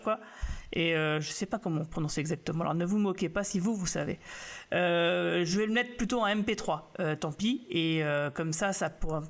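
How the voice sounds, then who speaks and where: A man teaching software in a casual live stream, relaxed and self-mocking, thinking aloud with many fillers and restarts. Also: sits high.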